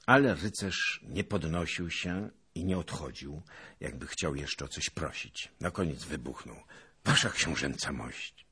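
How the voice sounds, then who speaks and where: A man narrating a historical novel in a measured, expressive, husky voice. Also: a bass voice.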